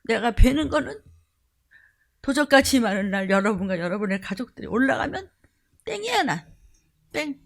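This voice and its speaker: A woman pastor preaching an impassioned sermon in a church, swinging between shouts and hushed whispers. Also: on the high side, sing-song, moderate pace, pauses often. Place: church sanctuary.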